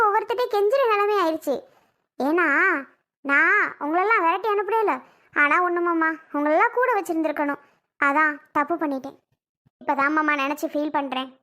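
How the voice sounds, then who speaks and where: A woman's voice: extremely high pitch, pushed and bright, heavily acted. A woman playing a pleading, self-blaming mother in an amateur family drama skit. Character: pleading mother, wife of a failed son.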